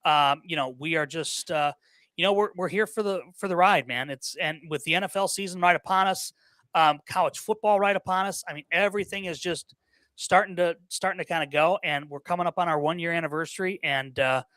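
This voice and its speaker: Man, podcast guest, opinionated sports chat, bright voice, dry close sound. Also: a little high, brisk, no room sound. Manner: opinionated, repeats words, many fillers. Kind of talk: casual sports talk.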